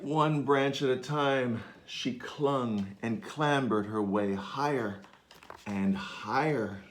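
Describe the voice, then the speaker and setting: A man reading his picture book aloud to children, animated and inviting them to join in. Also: medium pitch, slow pace. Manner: animated, asks listeners to join in. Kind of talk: interactive read-aloud for children.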